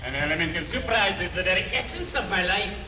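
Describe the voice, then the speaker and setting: A mysterious male stage magician speaks with courtly, mystical fortune-teller formality in a high-pitched voice. He sounds like a suave hypnotist in a period drama, recorded at a distance in an echoing space. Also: expressive, fast. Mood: smooth, enigmatic. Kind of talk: theatrical period drama acting. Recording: noisy, roomy, distant film soundtrack.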